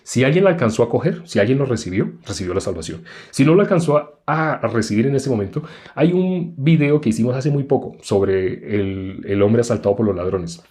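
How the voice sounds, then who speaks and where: A man preaching in a relaxed, explanatory way, often stopping to ask the listeners rhetorical questions. His voice is mellow and sits at a middle pitch for a man. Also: a little fast. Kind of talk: sermon.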